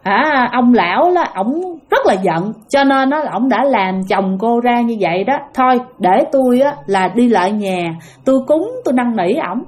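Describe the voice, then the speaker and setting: A coaxing old male shaman , as a woman storyteller puts him on, pleads gently with a spirit. He speaks with a Southern Vietnamese accent. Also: a little high, expressive, moderate pace, hardly any pauses, lightly acted. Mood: pleading.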